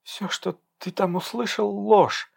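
A man reading an audiobook, voicing a distraught, defiant young woman in a shrill, agitated tone. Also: fairly even intonation, slow pace, creaky, husky, exaggerated voice. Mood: desperate. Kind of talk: audiobook character voice.

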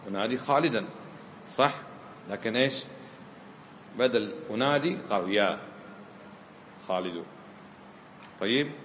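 A mid-range male voice with a little hiss or hum leads a classroom grammar lesson before students in a lecture room. He questions the class and blends dialect into his explanations, and the room gives a noticeable echo.

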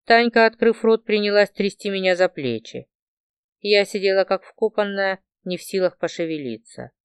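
A woman reading an audiobook, telling a first-person story with emotion. Her voice is smooth and resonant, recorded close and dry with no room sound. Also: mid-range voice, expressive, moderate pace, no room sound. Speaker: narrator.

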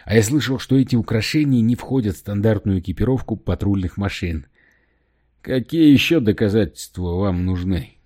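A man's voice: lowish voice, moderate pace, mellow, lightly acted. A male audiobook reader voicing a sardonic, defiant operative with a cool, cutting manner. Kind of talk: audiobook character voice.

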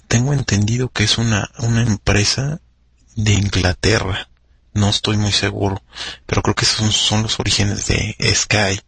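A man's voice: on the low side, creaky, a bit bright, breathy edge, dry recording. A man with a Mexican accent hosting a radio show, chatting casually and rambling with many fillers and restarts. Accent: Mexican Spanish.

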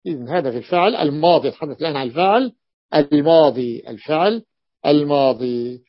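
Brief: male grammar teacher, fairly high voice, dry muffled lo-fi sound, patient and repetitive. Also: a little fast, no echo. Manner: repeats phrases, stresses examples. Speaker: sheikh teaching Arabic morphology. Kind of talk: classroom lesson explanation. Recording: muffled lo-fi recording.

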